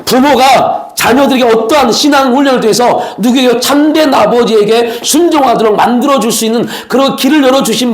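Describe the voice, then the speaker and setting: High-voiced male pastor preaching, echoey hall. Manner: preaching with rhetorical questions and acted quotes. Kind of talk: sermon. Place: church sanctuary.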